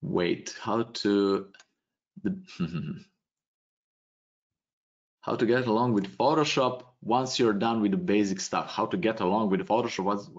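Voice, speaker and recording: A man's voice: on the low side, a little slow, pauses often. Serbian-accented man on a muffled stream. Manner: loose, thinking aloud, non-native phrasing. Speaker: webinar presenter answering questions. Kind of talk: live tutorial Q&A. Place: small home room indoors. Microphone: webcam video call. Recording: dull lo-fi stream audio.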